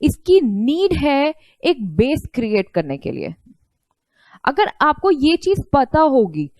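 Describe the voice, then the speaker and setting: Woman teacher, high voice, slow and patient, asks and answers her own questions. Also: sing-song, darkish tone, dry recording. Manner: explains step by step, asks and answers her own questions, mixes Hindi and English. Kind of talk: online lecture.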